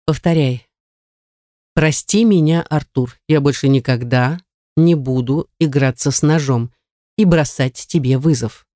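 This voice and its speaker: A reader voicing a cold, domineering male kidnapper in an audiobook, speaking in a dry, flat, metallic, commanding tone. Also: medium pitch, unhurried, no room sound, natural voice. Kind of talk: audiobook character voice.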